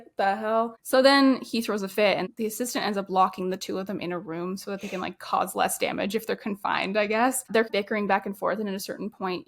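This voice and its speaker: A woman co-hosting a podcast, casually and animatedly retelling movie scenes. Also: mid-range voice. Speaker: podcast co-host. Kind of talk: casual chat.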